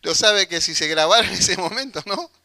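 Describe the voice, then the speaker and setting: A man with a Rioplatense Spanish accent preaches a lively sermon, slipping into the voices of the people in his story. His voice sits high and sounds very bright and forward. The recording is dry, with no room echo. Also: a little fast, gravelly. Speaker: pastor.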